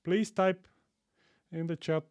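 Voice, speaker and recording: A Bulgarian man in his forties hosting a live tech stream, enthusiastic and warm toward viewers, often repeating himself as he goes. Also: on the high side, steady tone, slow, smooth, no room sound, dull audio. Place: home studio room. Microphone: studio mic on boom arm.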